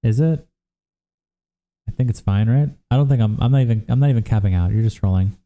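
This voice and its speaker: On his livestream, a worn-out young man reads viewer comments in a mellow voice that sits on the low side. The chat is casual and profane, sprinkled with quick asides reacting to what viewers post.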